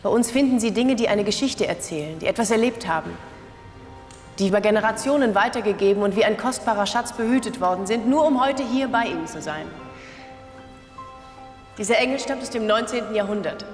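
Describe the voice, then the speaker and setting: An actress playing a poised, friendly young auctioneer in a film drama, addressing the room formally and calling out bids. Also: female voice, mid-range voice, animated, a little fast, close to an everyday voice. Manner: clear, formal public address, repeating bids. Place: large auction room, at a podium. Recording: echoey hall, faint music behind.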